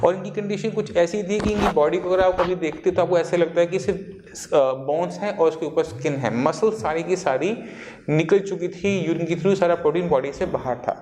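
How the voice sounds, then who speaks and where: A man's voice: high voice, normal speed, a little mellow, in a large hall, a little hiss or hum. A man, a doctor, explaining treatment earnestly to camera and interviewing a patient, with rhetorical questions. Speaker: doctor hosting a health channel.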